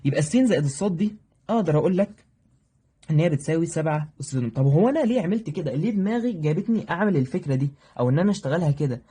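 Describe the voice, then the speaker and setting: A young man with an Egyptian accent teaching a brisk, joking exam review lesson, talking straight to his students. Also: on the high side, lively intonation, dark tone, husky. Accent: Egyptian Arabic. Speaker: math teacher.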